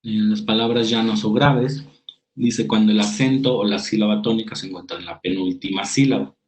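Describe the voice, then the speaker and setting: Low-voiced man teaching spelling rules. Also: steady tone, moderate pace, darkish tone, rough recording. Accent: Mexican Spanish. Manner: reads definitions aloud, then explains with examples and small restarts. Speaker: writing workshop instructor. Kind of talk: spoken lecture over slides.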